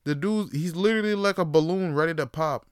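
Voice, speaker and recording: Cursing constantly, a Toronto man rambles through a solo rant on his podcast, lurching from loud outbursts to quiet musing. His smooth voice moves briskly, recorded close and dry.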